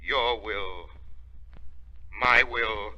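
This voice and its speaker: An actor playing a stern, commanding, unseen avenger, theatrical and deliberate, in 1930s radio drama style. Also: male voice, on the low side, steady tone, bright, forceful tone, exaggerated voice. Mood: hypnotic. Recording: muffled old 1930s radio recording.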